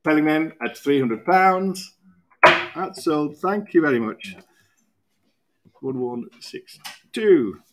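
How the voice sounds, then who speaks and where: A man's voice: on the high side, lively intonation, noisy background. British man calling bids at auction. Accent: British English. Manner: brisk, repetitive bid calling with quick asides. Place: auction room podium, indoors.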